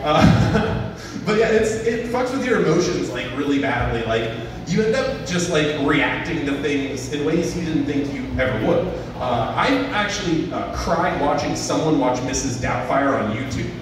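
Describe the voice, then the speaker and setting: Animated and on the high side, a stand-up comic in his thirties speaks at normal speed through a handheld mic during an open-mic set at a small venue with a stage and audience. He rambles self-deprecatingly with many fillers, filmed from a far camera in an echoey room with noisy background.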